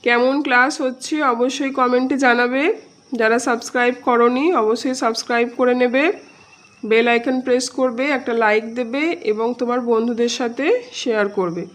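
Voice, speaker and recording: A woman's voice: on the high side, level tone, a little fast, rough recording. A woman, teaching a lesson by reading out words one by one and giving their meanings. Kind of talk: slow classroom-style lesson explanation.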